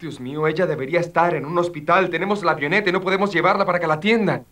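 A panicky young husband rushes his words in a fretful voice. He sounds distant from the mic in this dubbed telenovela scene. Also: sits high, animated, pushed and bright, exaggerated voice. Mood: anxious. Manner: fast, fretful.

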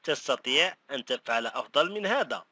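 A man reading short phrases for a language lesson, saying each one twice, slowly and clearly. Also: medium pitch, animated, bright, forceful tone, no room sound. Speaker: language teacher.

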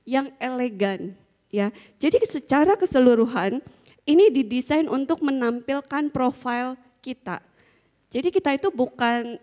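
A woman's voice: on the high side, a little mellow. A middle-aged woman founder giving a chatty conference talk into a handheld microphone, telling stories with frequent fillers and small laughs. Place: large conference hall with a seated audience. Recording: long hall reverb.

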